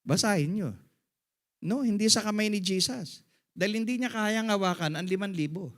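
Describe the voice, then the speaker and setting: A middle-aged male pastor delivers a sermon at a church service, his fairly high voice dropping to quiet, low asides and then rising to loud, ringing emphasis. He keeps drawing in the congregation with repeated calls of "Amen?". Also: moderate pace. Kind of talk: Tagalog sermon with English phrases.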